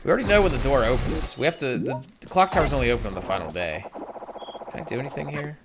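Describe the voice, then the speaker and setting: A man's voice: medium pitch, lively intonation, fast. A man giving casual, rambling and self-deprecating commentary while streaming a game. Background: game music.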